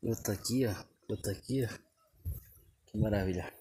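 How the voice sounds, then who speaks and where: With a fairly low voice at a moderate pace, a Northeast Brazilian man walks around his sunny backyard showing off the garden to his phone camera as a vlogger. He's relaxed and eager, often exclaiming "que maravilha" and "olha." Clear background noise is audible in the outdoor phone audio.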